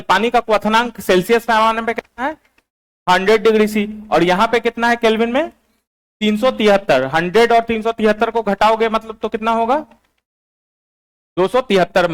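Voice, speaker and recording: A man teaches in a high, light voice. He dictates notes slowly, says each phrase twice, and presses his online students for answers. His voice sits well above the usual male range. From Bihar, India. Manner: slow and repetitive, quizzing online students. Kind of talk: classroom lecture, dictating notes.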